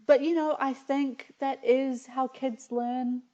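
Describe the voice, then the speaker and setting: A video host with a New Zealand accent reads aloud her childhood stories and chats casually, sounding hesitant, reflective and amused. Her voice sits high and mellow, steady and slow, on slightly muffled audio.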